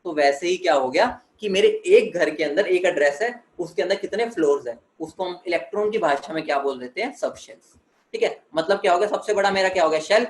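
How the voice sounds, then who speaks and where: A man's voice: sits high, lively intonation, fast. A man teaching a chemistry class, who keeps saying "theek hai" and asks questions that he then answers himself. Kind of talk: classroom lecture. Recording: echoey room.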